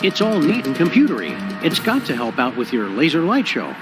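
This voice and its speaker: A man voicing a polite, deadpan, unflappable dog detective in a cartoon video game. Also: a little high, fairly quick, loud music behind the voice. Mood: breezy. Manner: deadpan, courteous.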